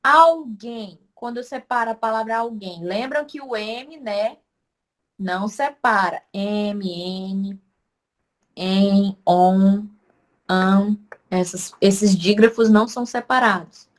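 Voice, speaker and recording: Female teacher for a recorded online class, mid pitch, walks through examples, punches out syllables. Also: slow pace. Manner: explains step by step, answers her own questions; stresses syllables loudly to demonstrate. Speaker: Portuguese language teacher.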